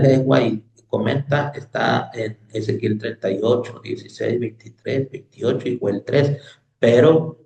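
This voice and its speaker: A man teaching a Bible study lesson, explaining slowly and repeating key words, with many hesitations. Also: on the low side, creaky, dark tone, roomy sound, rough recording.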